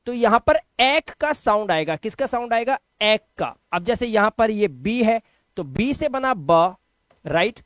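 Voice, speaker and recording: A man's voice: very high-pitched, no echo. A man giving a video lesson as a teacher, patiently repeating sounds and asking and answering his own questions. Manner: repeats key sounds for drilling.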